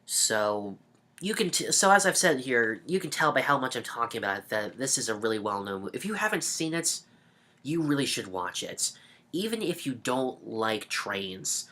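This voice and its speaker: A man's voice: medium pitch, very animated, moderate pace, pushed and bright. A young man giving a chatty, rambling video review of a DVD he is fond of.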